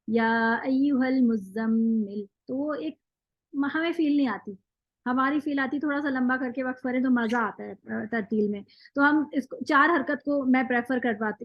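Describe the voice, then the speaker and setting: A woman's voice: high voice, dry recording, dull audio. A woman teaching Quran recitation in an online class, explaining patiently step by step and reciting examples.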